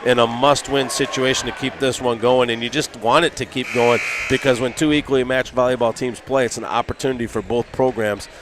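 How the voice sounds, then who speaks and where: A man giving color commentary at a high school volleyball match, steadily recapping sets and reading stats. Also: a little fast, few pauses, background noise. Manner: steady, reads stats methodically.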